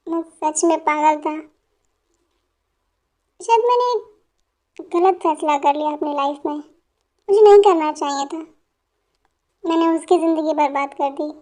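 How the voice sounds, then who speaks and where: A woman dubbing a drunk, heartbroken young man. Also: a little mellow. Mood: mournful. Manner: slow, low, mournful. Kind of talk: fan dubbing.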